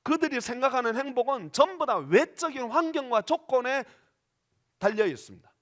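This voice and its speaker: A man's voice: extremely high pitch, sing-song, moderate pace, a bit bright. A male pastor preaching a sermon in a church, dramatic and questioning the congregation as he acts out quoted voices. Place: church sanctuary.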